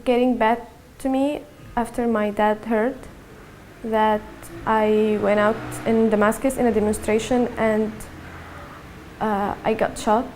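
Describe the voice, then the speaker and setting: A young woman of twenty-one with a Syrian accent tells her story in an interview, slow to find her words and often repeating them. Her voice sits slightly high but stays level, with a gravelly fry and a dark, mellow tone. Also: little pitch movement, a little hiss or hum. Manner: halting, repeats words, measured and subdued. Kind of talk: personal testimony.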